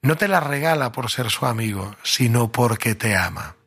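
A man's voice: mid-range voice, expressive, normal speed, fairly bright tone, breathy edge. A man voicing a knowing, teasing mother. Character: knowing, wry middle-aged mother.

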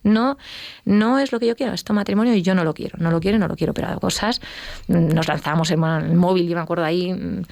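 Fast-talking gravelly woman. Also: lowish voice, no room sound. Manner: lively storytelling, acts out quoted dialogue. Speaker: interview guest. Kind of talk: personal testimony.

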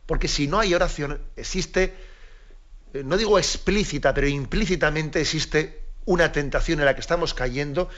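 This man's voice sits on the high side, fairly bright in tone, at a moderate pace. As a priest preaching earnestly and reflectively to fellow clergy, he repeats key phrases and raises rhetorical questions, all captured in dull lo-fi sound.

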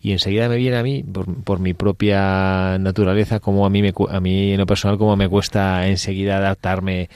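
A middle-aged man hosting a religious radio discussion, speaking in a measured, reflective way and often tagging on a questioning "no". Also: deep voice, little pitch movement, darkish tone, clean tone, no echo.

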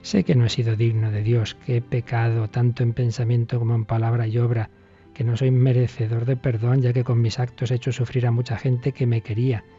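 A man's voice: mid-range voice, little pitch movement, fairly quick, dark tone, lo-fi sound, faint music behind. A man with a Spain Spanish accent presenting a radio catechism program, reading out a listener's letter and reflecting on it in an earnest, encouraging, conversational way.

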